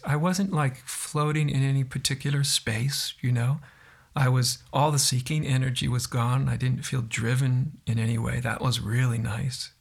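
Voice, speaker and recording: A man with a gravelly, husky voice shares a personal story as an interview guest. He speaks softly and reflectively, pausing and restarting as he searches for the right words. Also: medium pitch. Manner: halting, searching, soft-spoken.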